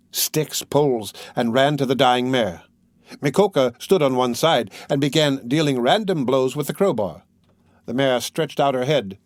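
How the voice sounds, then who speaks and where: Expressive male audiobook narrator. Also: medium pitch, no room sound, studio quality. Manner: expressive, dramatic reading. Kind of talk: scripted narration of a classic novel.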